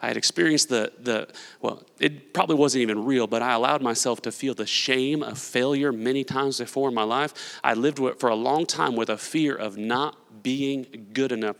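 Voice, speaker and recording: A male pastor preaching a sermon. He swings between loud, emphatic preaching and hushed, confessional storytelling. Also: medium pitch, vocal fry. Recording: long hall reverb.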